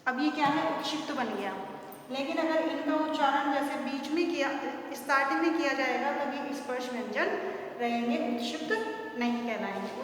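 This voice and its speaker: A woman teacher giving a grammar lesson, asking questions and answering them herself, stretching key words slowly. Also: high voice. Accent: Hindi, North Indian. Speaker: school teacher. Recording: echoey distant room recording with faint noise.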